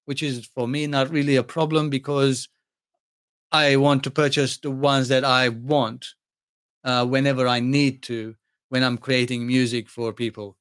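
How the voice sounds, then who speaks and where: Answering chat questions on his music channel's relaxed livestream Q&A, this man rambles with lots of ums, fillers and restarts. He has a non-native English accent, having lived in Australia for over thirty years though not born there, and his fairly bright, mid-range voice shows little pitch movement at a measured pace.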